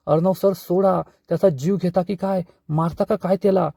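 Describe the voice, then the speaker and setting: Soft pleading young woman, read by a man with a warm, fairly high voice. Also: fairly even intonation, moderate pace, gravelly, dry recording, studio quality. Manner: pleading, soothing.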